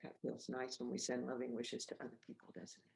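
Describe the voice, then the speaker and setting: A woman author reading her picture book aloud to young children, gently and slowly, inviting them to repeat the words. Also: rumbling low, monotone, vocal fry. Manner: gentle, slow, coaxing, inviting kids to repeat.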